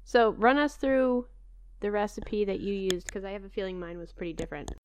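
A woman with a smooth, clear voice, recorded close and dry. She chats casually as a podcast co-host, with an animated, conversational manner. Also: medium pitch, a little fast, dry recording. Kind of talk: casual chat.

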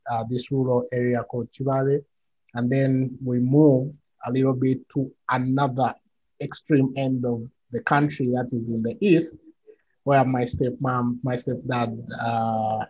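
A man, a podcast guest speaking in measured answers with frequent pauses over a video call. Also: medium pitch, a little mellow, muffled recording. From Uganda. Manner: measured, many pauses and fillers. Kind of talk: conversational interview answers.

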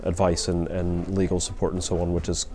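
A man's voice: sits low, monotone, brisk. A man explains things informally as an interviewee, in a hesitant, thoughtful manner. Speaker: community support project worker.

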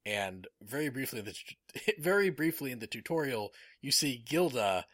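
A man's voice: mid-range voice, big pitch swings, moderate pace, a bit bright, dry recording, studio quality. A man chatting casually as a podcast host, enthusiastic and rambling, with many fillers. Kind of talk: casual chat.

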